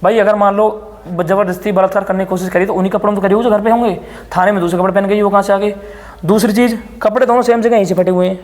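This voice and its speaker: A man in an interview telling his side of events in a rapid, insistent storytelling way. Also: sits high, fairly even intonation, a little mellow, in a large hall. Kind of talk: defensive interview account.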